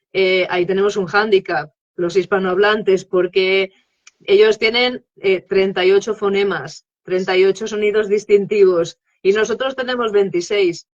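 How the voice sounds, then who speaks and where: A woman's voice: mid-range voice, dull audio. A woman, a guest expert on English teaching, explaining her method in a live interview and checking in often with tag questions.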